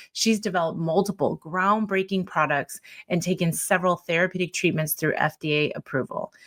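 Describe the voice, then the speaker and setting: Low-voiced woman podcast host. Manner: warm and encouraging, frequent affirming murmurs. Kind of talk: scripted podcast intro, then casual interview.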